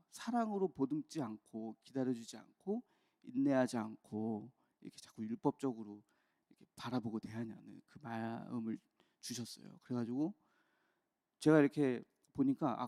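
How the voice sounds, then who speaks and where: Pastor guy in his 30s, soft mellow voice, dry close sound, chatty dawn sermon story. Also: medium pitch, dry recording. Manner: candid storytelling, quick bursts and soft trailing asides. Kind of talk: early-morning sermon with personal story. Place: church.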